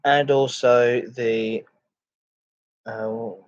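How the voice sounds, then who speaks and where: Over a muffled lo-fi microphone, a male host of a chat and ASMR livestream greets his audience and reads comments aloud. He talks in an unhurried, halting way, keeping a steady tone and often repeating phrases.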